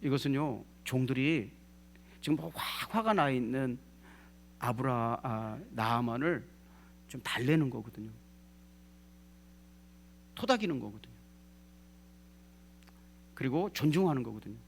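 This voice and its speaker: A male pastor preaching a sermon in a lively way, putting questions to the congregation and acting out what people say. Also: medium pitch, a little slow, creaky, pauses often, slight background noise. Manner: lively, asks the congregation questions, acts out quoted speech.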